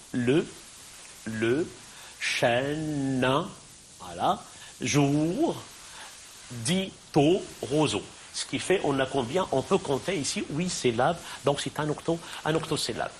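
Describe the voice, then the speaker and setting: A man giving a televised university lecture, halting and repeating words, often asking questions and answering them himself. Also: a little high, slight background noise.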